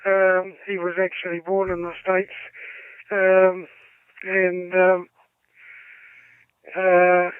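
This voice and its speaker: A man, a ham radio operator talking haltingly over a narrow AM-style radio link. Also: high voice, completely flat delivery, clear, resonant tone, dry recording. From New Zealand. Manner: halting, many ums, signs off with "over". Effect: heard over a narrow AM-style radio link. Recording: tinny lo-fi radio audio.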